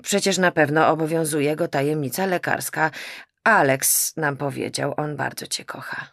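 A woman voicing a stern, quiet older father in an audiobook, speaking slowly and low. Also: gravelly, no room sound, clean studio sound. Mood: grave. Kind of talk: audiobook character voice.

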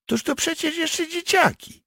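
A man voicing a cynical rustic man with hidden powers, talking gruff and earthy in an audiobook. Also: extremely high pitch, unhurried, sharp tone, no echo, clean studio sound, voice pushed up, exaggerated voice. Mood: gruff scheming. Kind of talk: audiobook character voice.

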